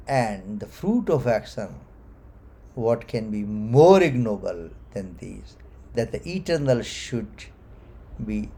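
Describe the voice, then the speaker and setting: Slow, mellow-voiced man teaching scripture. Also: mid-range voice. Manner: chuckles often while explaining, with gentle emphasis. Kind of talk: explaining scripture verses to a class. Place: temple hall.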